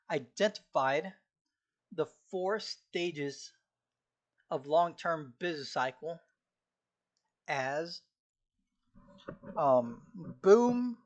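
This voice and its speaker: This is casual self-talk from a man studying a textbook on a live stream, his voice slightly high and his pace easy. An irritated throat has him clearing it again and again as he calmly recites notes from memory.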